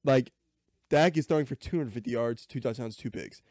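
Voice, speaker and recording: A man's voice: mid-range voice, brisk, darkish tone, no room sound, clean studio sound. A man co-hosting a podcast, talking sports in a rambling way, often restarting and repeating words. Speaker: podcast co-host. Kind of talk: casual sports chat.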